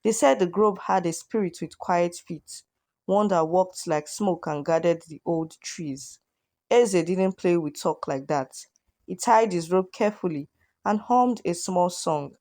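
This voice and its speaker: A woman narrating a folktale in a measured, image-rich way. Her voice sits a little low and the recording is dry and close. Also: warm tone, no echo. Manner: measured, vivid with proverbs and images. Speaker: storyteller.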